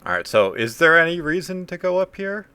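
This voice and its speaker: A man's voice: on the high side, big pitch swings, a little fast, bright, forceful tone, smooth, dry recording. A man streaming a game, commenting casually and wryly on his play. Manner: wry, self-mocking.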